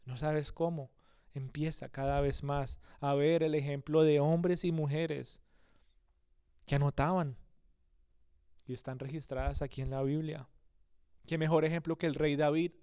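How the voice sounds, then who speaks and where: A man's voice: fairly high pitch, fairly even intonation, measured pace, pauses often, warm tone, clear, resonant tone. A male pastor preaching a sermon, earnest and speaking straight to his listeners, often correcting himself mid-phrase. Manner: earnest, addresses listeners directly, frequent self-corrections.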